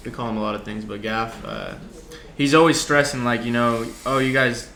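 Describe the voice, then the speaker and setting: Young male athlete guest, casual chat, mid pitch, clearly roomy sound. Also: expressive, normal speed, a bit bright. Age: young adult. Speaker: soccer player, podcast guest. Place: indoor lounge seating area. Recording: roomy echo, faint background noise.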